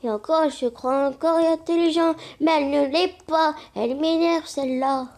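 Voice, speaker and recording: High-voiced young woman acting out a homemade drama. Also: moderate pace, a little mellow. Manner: playful, switching between characters. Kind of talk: acted homemade drama, one voice doing all parts.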